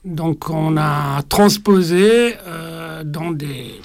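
A man in his forties talks about his writing in a halting way, stopping and restarting his sentences. His voice is a little high and gravelly, and it is recorded close and dry. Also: dry recording. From Italy. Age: 40s. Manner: hesitant, many fillers and restarts. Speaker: author. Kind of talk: interview conversation.

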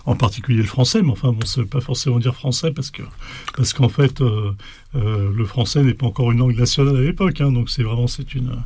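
A man's voice: medium pitch, quick pace, darkish tone, a little hiss or hum. A man explaining medieval verse in casual talk, rambling, with many fillers and restarts. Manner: recites a poem in Esperanto in a rising, sing-song lilt. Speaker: guest explaining medieval poetry. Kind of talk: casual chat.

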